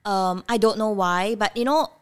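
Her voice is smooth and medium-pitched, and she keeps a moderate pace. This thirtysomething woman, whose first language is Cantonese, openly shares her childhood on a podcast, telling it with lively energy and lots of filler words.

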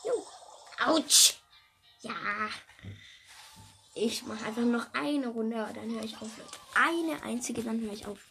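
A woman giving casual, chatty let's-play commentary to her viewers, excitable and joking, sometimes dropping to a whisper. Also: on the high side, takes it slowly, long pauses, soft background music. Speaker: gaming video creator.

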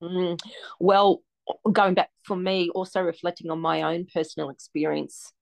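A woman speaking reflectively as a podcast guest, her voice slightly croaky because she is a little sick. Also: on the low side, fairly even intonation, moderate pace, no echo.

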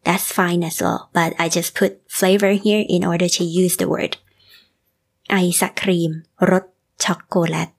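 A woman teaching on a podcast, spelling out each word slowly and carefully. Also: lowish voice, fairly even intonation, gravelly. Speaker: Thai language teacher. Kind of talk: podcast language lesson.

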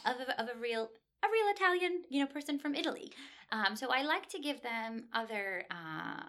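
Bright-voiced woman teacher, thoughtful and hesitant. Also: mid-range voice. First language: English. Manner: thoughtful, with many fillers and self-corrections. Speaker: language instructor. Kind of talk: panel discussion answer.

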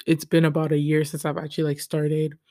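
A woman's voice: sits low, monotone, brisk, dark tone, no room sound, clean studio sound. A young woman hosting her own podcast, chatting casually and a bit nervously, with lots of fillers. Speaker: podcast host. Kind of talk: casual chat. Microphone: own podcast microphone.

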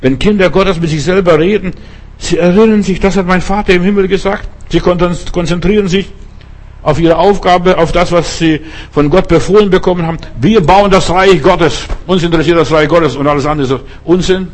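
A man's voice: high voice, moderate pace. A middle-aged man from Germany preaching a sermon, telling stories emphatically and addressing the listeners directly.

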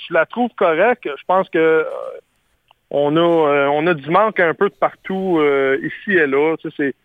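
A man's voice: on the high side, no echo. Québécois man on a tinny phone line. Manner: halting, many fillers and restarts. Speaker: baseball analyst guest. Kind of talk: casual phone-in radio chat.

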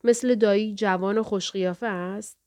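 A woman's voice: medium pitch, steady tone, darkish tone, natural voice. A woman voicing a frail, plaintive boy. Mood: wondering. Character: frail, pale, sulky young boy.

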